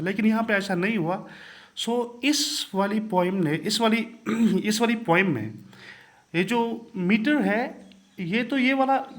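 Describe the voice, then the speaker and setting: A man teaching a poetry lesson, counting syllables slowly and emphatically. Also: high voice, a bit bright. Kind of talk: poetry lesson mixing English and Hindi.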